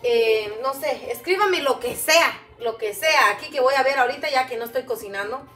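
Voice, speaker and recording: A high-pitched Guatemalan woman whose first language is Chuj hosts a cooking livestream from her indoor home kitchen, chatting warmly at a moderate pace, reading viewer comments and calling them "mamita." She speaks into a camera set a little way off. The distant mic and echoey kitchen make it sound roomy, with faint music in the background.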